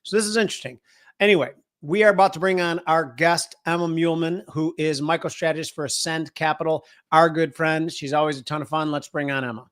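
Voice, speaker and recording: Middle-aged American man, host. Higher voice, animated, joking market banter. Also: brisk, clear, resonant tone. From United States. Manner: joking, animated, laughs often. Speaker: co-host of a trading show. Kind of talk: casual market chat.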